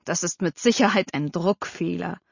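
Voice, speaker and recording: A woman voicing a weary middle-aged father who speaks calmly and resignedly, in a storybook reading. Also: fairly low pitch, normal speed, creaky, slightly rough, no room sound. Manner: calm, resigned. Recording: slightly dull dry recording.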